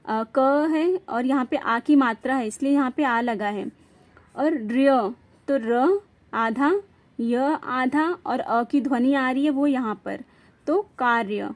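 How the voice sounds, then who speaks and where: A woman teaching a grammar lesson, spelling out words letter by letter and asking questions she then answers herself. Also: sits high. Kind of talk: classroom-style grammar lesson.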